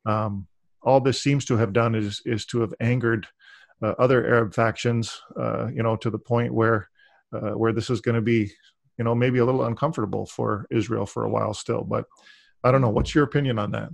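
Gravelly man on a video call. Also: mid-range voice, steady tone, a little fast, dry recording. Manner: enthusiastic, restarts often. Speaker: interviewer. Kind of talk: casual video call interview. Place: home study with bookshelves. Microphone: desk microphone on a video call.

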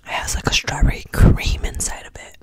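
A young woman whispering close to the mic while tasting candy for an ASMR video, frank and joking as she chews. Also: brisk. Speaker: ASMR creator.

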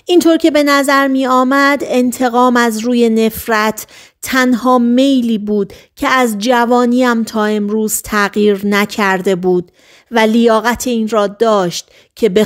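A woman reads an audiobook in the first person, with steady, measured scripted narration. Her voice sits fairly high. The reading is even and unhurried.

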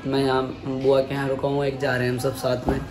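A man's voice: medium pitch, monotone, fast, background noise. A young man hosting a casual vlog, chatting and teasing friends, filmed on a phone held at arm's length. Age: young adult. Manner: chatty, teasing, loud bursts. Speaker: vlogger. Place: home rooftop and streets, outdoors and indoors.

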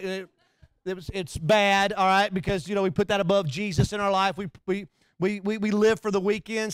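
A man preaching a conversational sermon, animated and joking, sometimes acting out bits in a low hushed voice. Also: clear, resonant tone, dry recording. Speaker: pastor.

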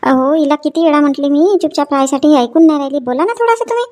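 High-voiced haggling woman. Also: quick pace, darkish tone. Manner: haggling, scolding and sarcastic. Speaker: mother shopping in a comedy sketch. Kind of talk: comic sketch acting.

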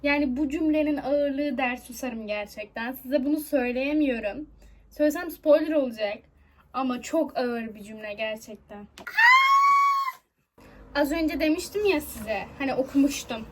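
Brief: young woman, high bright voice, lively exclaiming book vlogger, faint room noise. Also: normal speed. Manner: animated, exclaiming, laughing often. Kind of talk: casual reading vlog.

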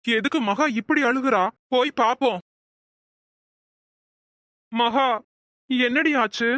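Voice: medium pitch, takes it slowly, fairly bright tone, dry recording, clean studio sound. An actor voicing a worried young husband in a comic cartoon, speaking sternly and scolding his wife.

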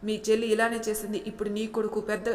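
A woman's voice: mid-range voice, monotone, fast talker, darkish tone, close to an everyday voice. A woman voicing a proud middle-aged father who speaks in a bitter, accusing, raised voice. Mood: angry. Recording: roomy with long reverb.

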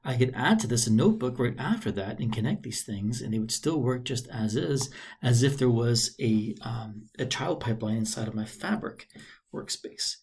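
A man presenting a software feature in a screencast walkthrough, upbeat and informal with the odd filler. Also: medium pitch, animated, normal speed, husky. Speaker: product demo presenter. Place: voice-over on screen recording.

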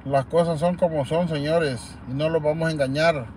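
A man's voice: on the high side, fairly even intonation, moderate pace, darkish tone, a little hiss or hum. A man hosting a live stream in blunt, scornful and crude casual talk. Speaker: livestream host.

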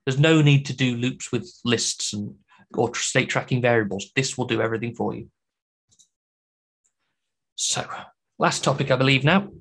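A man's voice: medium pitch, moderate pace, pauses often. A man with a British accent giving a chatty, enthusiastic conference talk on programming, with joking asides. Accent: British English. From Britain. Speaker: conference speaker.

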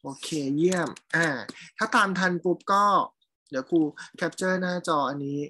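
A woman's voice: fairly low pitch, normal speed, a bit bright. A woman teacher giving a live programming lesson, chatting and thinking aloud as she demonstrates code and checks that her student is keeping up. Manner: speaks to a student by name, checks understanding.

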